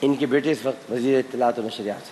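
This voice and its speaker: A man's voice: mid-range voice, fairly even intonation, fast talker, dark tone. A man hosting a televised quiz, teasing and pressing contestants for answers with impatient repeated prompts. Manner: impatient, needling, repeats commands. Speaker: quiz show host. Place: TV studio with live contestants. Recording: long studio reverb, faint hiss.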